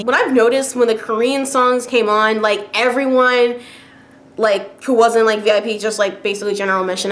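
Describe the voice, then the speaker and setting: A woman with a medium-pitched, somewhat bright voice rants casually to camera in a vlog. She talks loosely, full of fillers and small laughs, and gets more and more exasperated as she continues.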